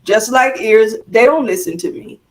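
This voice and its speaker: A woman with a very high voice, chatting in an animated, flirty way and laughing freely. Her talk is loose and casual. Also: normal speed. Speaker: online talk show guest. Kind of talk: casual chat.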